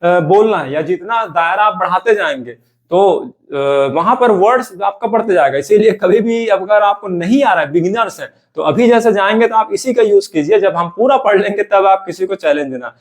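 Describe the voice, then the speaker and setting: A man's voice: high voice, expressive, normal speed. A man teaching English grammar, drilling example sentences over and over. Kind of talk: classroom grammar lesson.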